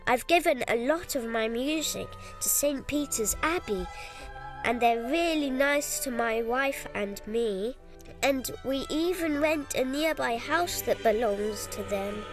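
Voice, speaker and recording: A woman voicing a modest, friendly male court composer who calmly tells his own story for an audio guide. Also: high voice, unhurried, soft background music.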